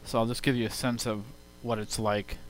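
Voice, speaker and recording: A man demonstrates software step by step in an informal, explanatory way, his lowish voice fairly quick and barely moving in pitch. Faint music sits behind him. The low-quality audio comes through a hissy home computer sound card.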